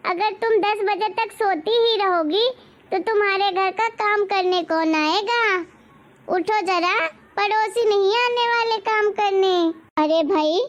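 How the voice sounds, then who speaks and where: A woman's voice: extremely high pitch, takes it slowly, highs cut off. A woman voicing a nagging, strict middle-aged mother-in-law in a cartoon story, scolding with dramatic exclamations.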